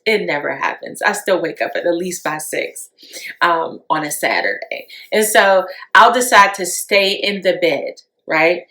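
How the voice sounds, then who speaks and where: Middle-aged woman co-host with a bright, forceful voice, expressive casual chat. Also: a little slow. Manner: expressive, laughs easily, swings up in pitch when excited. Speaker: podcast co-host.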